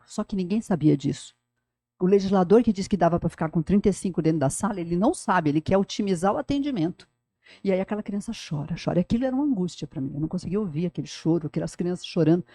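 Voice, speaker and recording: In a podcast interview, a middle-aged woman who once directed a school shares stories with animation, speaking straight to the listener. She has a mid-range voice in a dry recording.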